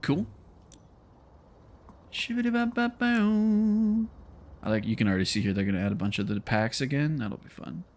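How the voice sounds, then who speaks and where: A man's voice: fairly low pitch, lively intonation, very fast, hardly any pauses, darkish tone. A man streaming a game, chatting casually and muttering to himself as he plays. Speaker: gaming livestreamer. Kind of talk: casual gameplay commentary.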